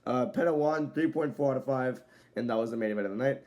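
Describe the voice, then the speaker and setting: Speaking quickly in a mid-range, somewhat mellow voice, this wrestling show reviewer rambles casually on video. He keeps it loose, drops "so, yeah" again and again, and sometimes picks up speed.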